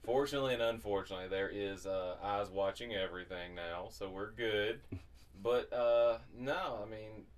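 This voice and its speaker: A man telling stories as a guest in a casual podcast chat, relaxed and cursing casually. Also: fairly low pitch, moderate pace, recorded from a distance. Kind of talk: casual storytelling.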